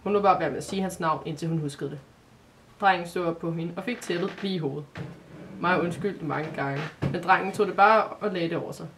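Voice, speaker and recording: A woman reads a children's Christmas story aloud in a calm, measured way, now and then catching herself and restarting a word. Her voice sits fairly low. A faint rumble hums underneath the recording. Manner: calm, measured reading with occasional small restarts.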